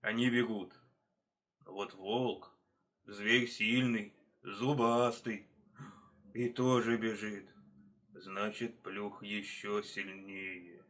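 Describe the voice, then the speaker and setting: A man doing a slow, low storybook bear. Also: fairly even intonation, fairly bright tone. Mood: uneasy. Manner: slow, ponderous reasoning. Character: slow heavy cautious male bear.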